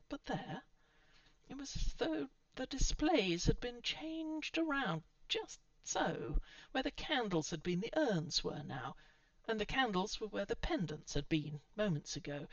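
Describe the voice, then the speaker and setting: A woman reading fan fiction aloud as an audiobook, in steady, measured storytelling. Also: on the high side, dry recording. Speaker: audiobook reader. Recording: dry, slightly dull recording.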